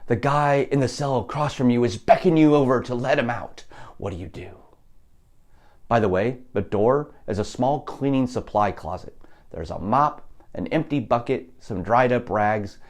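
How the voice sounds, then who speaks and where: A man's voice: mid-range voice, normal speed. Man explaining how to run a game. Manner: plain, practical explanation. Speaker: game master teaching. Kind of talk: instructional talk.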